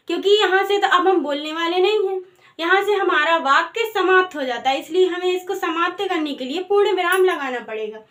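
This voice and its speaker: A woman's voice: very high voice, a bit bright. A woman teaching a grammar lesson in a patient way, asking the class questions and answering them herself.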